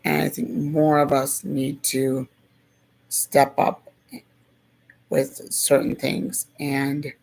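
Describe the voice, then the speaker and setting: Speaking slowly about a civics topic, the presenter sounds hoarse and rough, gravelly and close to losing their voice. Their medium-pitched delivery stays level and unvaried as they casually, thoughtfully repeat each point, and the audio quality is poor.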